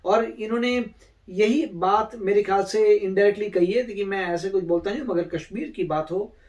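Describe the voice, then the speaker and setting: Higher-voiced man calmly explaining. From India. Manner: calm, explanatory, measured. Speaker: reaction video co-host. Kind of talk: casual reaction chat.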